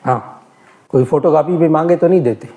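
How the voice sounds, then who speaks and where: A man, a religious scholar, gives a lecture on scripture, repeating key points and swinging from loud emphasis to hushed remarks. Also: fairly high pitch, phone-quality sound.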